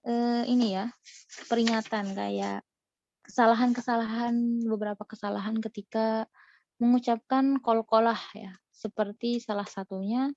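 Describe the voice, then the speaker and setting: A young woman teaching Quran recitation in a casual online lesson, patiently explaining and slowly modeling each example. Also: fairly high pitch, steady tone, a little mellow, no room sound, lo-fi sound.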